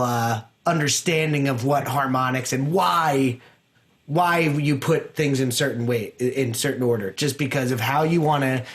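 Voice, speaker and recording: A man's voice: medium pitch, a bit bright. A man teaching an online guitar lesson in a casual way, explaining things with many restarts and fillers over a video call. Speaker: music teacher.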